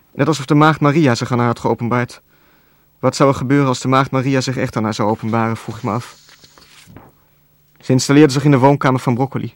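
A man reading a novel aloud as narrator, in a calm, even storytelling voice with a dry wit. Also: medium pitch, dry recording. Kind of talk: scripted audiobook narration.

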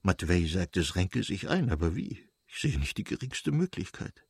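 A helpless, remorseful nobleman pleads in soft, low tones, as a male reader plays him. His voice is husky and dry. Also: sing-song, normal speed, dry recording, exaggerated voice. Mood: dismayed, pleading.

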